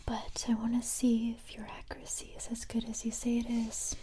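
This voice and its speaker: Here the same ASMR role appears again: a calm, confident special-forces police recruiter, voiced by a woman whispering breathily in a gentle, unhurried, matter-of-fact manner. Her voice is on the high side and close to how she'd normally sound, and the tone is calm and businesslike.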